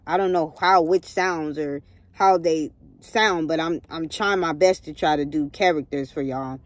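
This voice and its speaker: A woman's voice: deep voice, a little slow, dry recording. A young woman reading a Bible story aloud in a casual vlog and stopping often to preach emphatically to her listeners. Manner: emphatic, preachy asides, keeps calling out to listeners. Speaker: vlogger retelling a Bible story.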